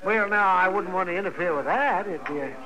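An actor playing a wry, crusty frontier doctor with a dry, grumbling, teasing manner in a radio western. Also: male voice, sits high, fairly quick, close to an everyday voice, rough recording. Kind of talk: 1950s radio western acting. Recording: old radio recording, busy background chatter.

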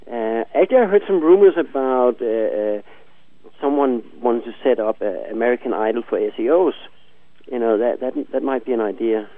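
A man's voice: medium pitch, normal speed, no room sound. A man of forty co-hosting a casual chat, hesitant, repeating words and laughing often. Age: 40s. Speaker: podcast co-host. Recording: tinny phone-like line.

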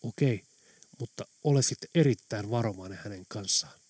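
A man's voice: on the low side, darkish tone, slightly rough, no echo, pitched below the performer's own voice. A man voicing an anxious young female captive who speaks in a worried, doubtful way.

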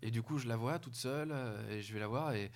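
A man's voice: medium pitch, quick pace. A man telling a short childhood anecdote in a casual group chat, dry and to the point. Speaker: podcast guest.

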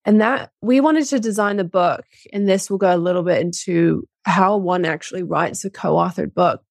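A woman's voice: fairly low pitch, moderate pace, creaky, no room sound, studio quality. A young woman, co-author of a book, giving long explanatory interview answers with many restarts. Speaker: co-author guest.

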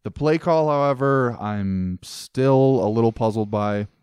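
A man co-hosting a sports podcast, talking casually and breaking in with quick exclamations. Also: mid-range voice, a little mellow, clean tone, dry recording, clean studio sound. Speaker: podcast co-host.

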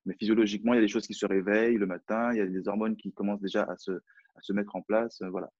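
A French-accented man with a low, dark and husky voice talks through his routines in a relaxed, halting way, full of fillers and restarts. The sound is dull and dry, like a lo-fi live call. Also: no echo. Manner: hesitant, many fillers and restarts. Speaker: personal development coach. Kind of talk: casual live discussion.

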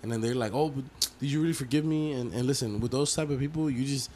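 A man's voice: medium pitch, fast, dark tone, a little hiss or hum. A man co-hosting a faith podcast, talking earnestly and building emphatic repeated lists like a sermon. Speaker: podcast co-host.

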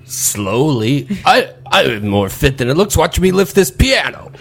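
A man playing a slow, boastful, decrepit old man with drawn-out speech in improvised comedy, slightly off-mic. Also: on the high side, big pitch swings, gravelly, fairly bright tone, husky, exaggerated voice.

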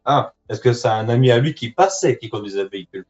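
A man talks over a phone line from a handset lying on his lap, so his voice comes through dull and lo-fi. Faint music plays underneath. He speaks in a middle pitch, casual and hesitant, thinking aloud with plenty of fillers. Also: expressive, fast talker, a little mellow. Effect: heard over a phone line. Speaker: co-host guessing in a radio game. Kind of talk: casual live web-radio banter. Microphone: phone lying on his lap, away from his mouth.

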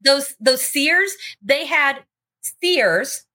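A woman chatting informally as a podcast guest, telling stories in an animated, chatty way and swearing freely. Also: high-pitched, extremely slow. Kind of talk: casual chat, animated storytelling.

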